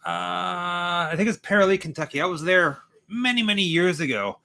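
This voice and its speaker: Man, forties, lively swooping pitch, very bright tone, joking, casual livestream co-host. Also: normal speed, gravelly. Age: 40s. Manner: animated and joking, thanks viewers. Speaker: co-host of a horror watch-party stream.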